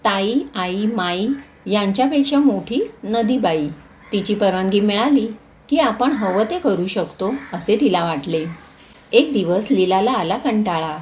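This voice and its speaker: A woman reading a children's textbook lesson aloud in a clear, steady way. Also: medium pitch, measured pace, a little hiss or hum. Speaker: reader of a school lesson.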